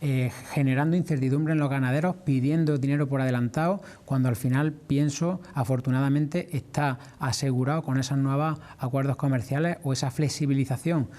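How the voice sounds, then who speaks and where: A man with an Andalusian accent giving measured, explanatory answers as a farming representative in a formal interview. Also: medium pitch, fairly even intonation, dark tone. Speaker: farmers' organisation representative being interviewed.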